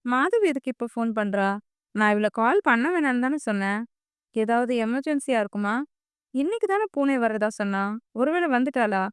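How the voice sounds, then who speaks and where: A woman's voice: fairly high pitch, lively intonation, normal speed, clear, resonant tone, no room sound, clean studio sound, lightly acted. A woman voicing a tense young man who gives urgent orders, in an audio story. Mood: anxious. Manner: urgent, commanding.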